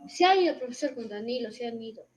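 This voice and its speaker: A woman's voice: fairly high pitch, animated, quick pace, darkish tone. A teenage girl student, eagerly answering her teacher in an online class. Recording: dull lo-fi call audio.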